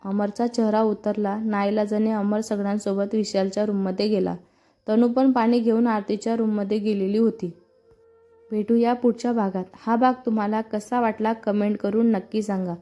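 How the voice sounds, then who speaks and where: A woman narrating a romantic storybook tale in a steady, plain reading voice, closing with a sign-off to viewers. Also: medium pitch, normal speed, muffled recording, soft background music.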